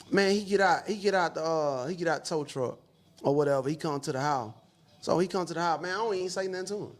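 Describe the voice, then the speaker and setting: A man telling a story in casual talk, profane and animated, repeating "you know what I'm saying". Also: on the high side. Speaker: storyteller guest.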